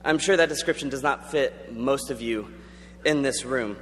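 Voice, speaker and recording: A man's voice: mid-range voice, moderate pace, a bit bright. A young man giving an earnest, conversational chapel talk with frequent ums. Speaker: student chapel speaker. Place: large chapel auditorium. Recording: long hall reverb, faint hum.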